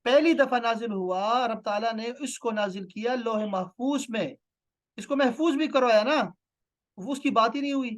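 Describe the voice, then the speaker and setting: Male teacher questioning his class. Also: very high voice. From Pakistan. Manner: questioning, repeats "theek hai" and "na". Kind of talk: online class lecture.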